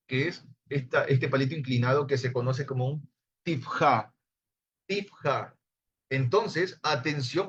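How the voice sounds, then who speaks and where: A man's voice: medium pitch, husky. A man teaching a Hebrew grammar class online, explaining patiently and addressing his listeners as brothers. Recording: slightly dull online class audio.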